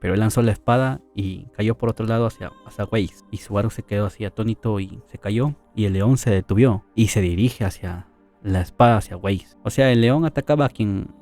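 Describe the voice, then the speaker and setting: A man's voice: on the low side, fairly quick, mellow, faint music behind. A man casually retelling an anime light-novel story, with chatty asides to the viewer.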